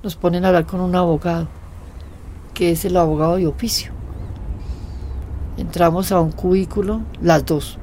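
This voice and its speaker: A woman's voice: lowish voice, normal speed, pauses often, a little hiss or hum. A woman recounting a personal story and acting out the quoted voices. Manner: acts out quoted voices, lively retelling. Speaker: interviewee telling her story.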